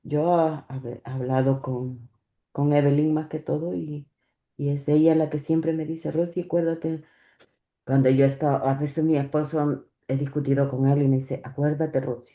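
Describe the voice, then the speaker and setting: A woman giving a personal religious testimony in church. She speaks haltingly, stopping and repeating words as she goes. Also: sits low, dark tone, dull audio. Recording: echoey church room.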